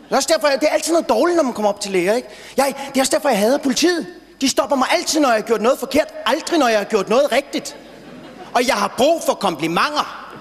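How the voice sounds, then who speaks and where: High-voiced young man doing stand-up. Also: animated. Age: young adult. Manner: brash, rambling, stutters when worked up. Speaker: stand-up comedian. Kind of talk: live stand-up routine. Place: stage in a large hall before an audience. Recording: reverberant hall, faint noise.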